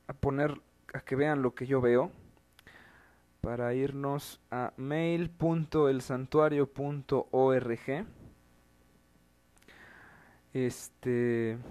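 A man's voice: mid-range voice, fairly even intonation, very slow, pauses often, a little mellow. A man with a Mexican accent hosting an online show, giving casual live commentary in a wry, exasperated tone and swearing freely. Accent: Mexican Spanish.

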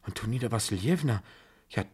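A man's voice: fairly low pitch, expressive, brisk, a little mellow, breathy edge. A man voicing a flustered general in debt who stammers and fawns. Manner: stammering, fawning. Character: flustered, indebted middle-aged general.

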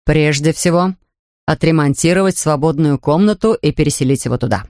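Woman lowering her voice for a fussy family father. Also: darkish tone, no echo, clean studio sound, lightly acted. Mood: concerned. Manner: slow, careful and concerned. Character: fussy middle-aged family father, mild and worried. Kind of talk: audiobook character voice.

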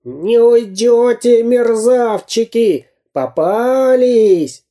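A man voicing a sneaky male spy villain in a storybook reading, shrill, screeching and taunting, drawing his words out. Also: lively intonation, slow, dark tone. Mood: shrieking.

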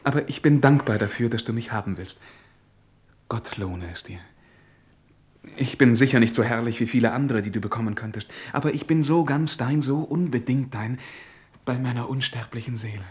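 An actor playing a brooding, lonely young lieutenant in a 1950s German radio play, speaking earnestly and with feeling. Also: male voice, medium pitch, normal speed, husky, lightly acted. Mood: devoted. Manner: earnest, emotional, at times softly murmured. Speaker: lead character and first-person narrator.

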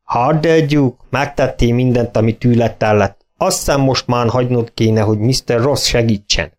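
A man's voice: medium pitch, a little mellow, natural voice. A man reading an audiobook, voicing a desperate farmer who pleads in a raised, anxious voice. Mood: pleading.

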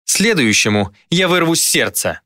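A man's voice: a little high, sing-song, sharp tone, no echo, studio quality, pitched above the performer's own voice, full character voice. A man voicing a cruel, mocking female demon who taunts coldly. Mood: taunting. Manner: sneering, cold, unhurried taunts.

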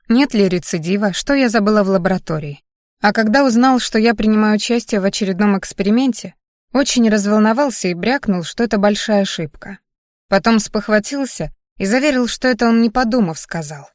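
Woman, audiobook narrator, first-person reading, mid-range pitch, dry close-mic sound. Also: no echo.

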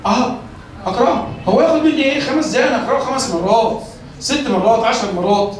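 A man with an Egyptian Arabic accent and a very high voice, lecturing teachers in a classroom. He explains step by step and keeps asking questions he then answers himself. The mic sits far off in a very echoey room. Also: rapid-fire. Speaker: teacher trainer. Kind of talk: lecture on teaching children to read.

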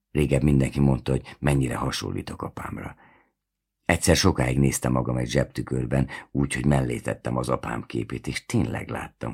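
A man reads a novel aloud in the first person, telling it in a measured, unhurried way. His voice is extremely low and gravelly, with a husky edge. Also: a little mellow. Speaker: audiobook reader.

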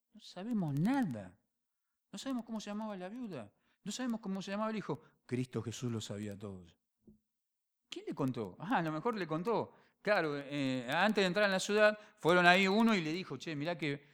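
Male pastor, Rioplatense Spanish accent, fairly high voice, lively sermon delivery. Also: fairly quick. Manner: animated preaching, acts out voices and dialogues; shifts between quiet intimate phrases and loud emphatic ones.

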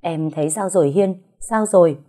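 A woman's voice: on the low side, moderate pace, lightly acted. A woman voicing a panicked middle-aged husband. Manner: frantic, shouting.

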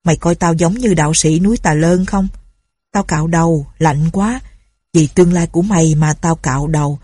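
A woman's voice: low voice, normal speed, dark tone, no echo, studio quality. A woman voicing a bossy, scheming old ex-pirate chief who barks out orders. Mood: commanding. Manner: bossy, gruff commands.

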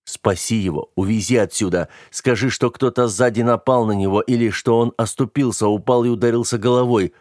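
A man's voice: medium pitch, brisk, hardly any pauses, darkish tone, no room sound, studio quality, natural voice. A man voicing a young man who urgently orders his friend to flee, commanding and pushing. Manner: urgent, commanding, forced cheer.

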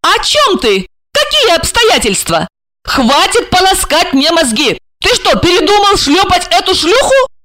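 A woman voicing a brash, greedy young woman who makes impatient, shrill demands in an audiobook. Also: sing-song, unhurried, sharp tone, heavily acted. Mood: angry. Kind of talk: audiobook character voice.

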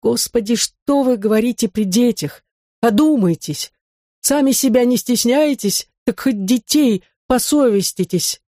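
A meek intellectual man in a storybook begs the others to stop, in a pained, slightly raised voice, as a woman reader puts him on. The sound is soft, close and dry. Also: fairly high pitch, lively intonation, unhurried, no echo, voice pushed up. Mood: imploring. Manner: anguished pleading. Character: timid pleading male intellectual neighbour.

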